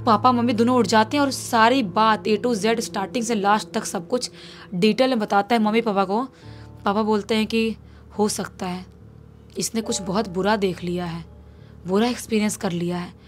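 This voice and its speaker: A woman's voice: mid-range voice, steady tone, normal speed, faint music behind. A woman telling a horror story as a storyteller, building suspense as she narrates. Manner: suspenseful, rising with intensity.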